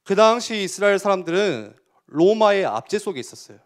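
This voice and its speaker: A man giving a youth sermon, asking the listeners questions and acting out quotes with sudden loud bursts. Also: sits high, a little fast. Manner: animated, asks the listeners questions. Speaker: youth pastor.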